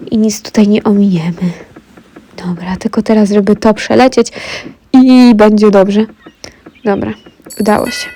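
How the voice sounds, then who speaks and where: A woman's voice: on the high side, dark tone. A woman with a cold and a stuffy throat, chatting to viewers while she plays a game. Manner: chatty, talks straight to viewers. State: congested with a cold. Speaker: let's play gamer. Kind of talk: casual gameplay commentary.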